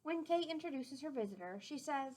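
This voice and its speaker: Reading a picture book to small children, a woman uses an expressive, teacher-like delivery and pauses for simple explanations. She speaks high-pitched and a little fast, and the recording is rough.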